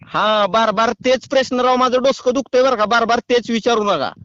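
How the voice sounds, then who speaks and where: A man making a prank phone call, calm and teasing in a mock-official way. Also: extremely high pitch, brisk, no room sound. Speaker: prank caller.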